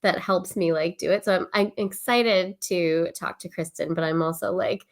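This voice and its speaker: A woman's voice: fairly low pitch, steady tone, normal speed. Woman, podcast co-host, stuffy nose from a cold, self-deprecating, casual. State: nasal from a cold.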